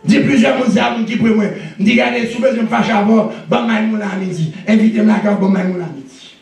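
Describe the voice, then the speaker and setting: A male pastor with a Haitian accent preaching a sermon with call-and-response and frequent shouts. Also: high-pitched, a little fast. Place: church sanctuary. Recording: echoey church recorded from a distance.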